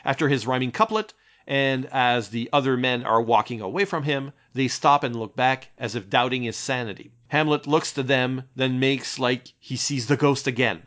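A man delivering scripted analytical commentary as a critic, in a measured, literary, explanatory way. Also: medium pitch, a bit bright. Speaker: narrator and film critic. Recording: dull, slightly lo-fi voice track.

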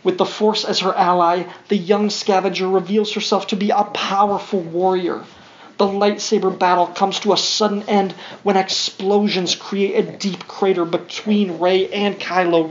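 Here a man reads aloud from a children's storybook to his son at normal speed, his high voice delivered flatly, with wry, playful asides along the way. The recording has a dull lo-fi quality and faint noise.

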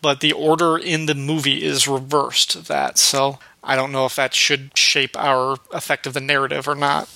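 A man's voice: mid-range voice, level tone, moderate pace, gravelly, few pauses, bright, forceful tone, no room sound, rough recording. A man hosting a podcast, talking things through in a casual, thoughtful discussion. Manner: thoughtful, musing. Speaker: podcast host.

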